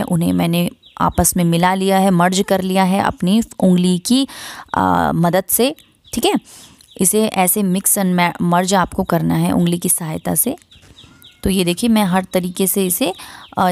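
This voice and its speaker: A woman's voice: mid-range voice, darkish tone, no room sound. Woman, art teacher, patient step-by-step drawing lesson, close dry sound. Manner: patient, explains each step and checks in.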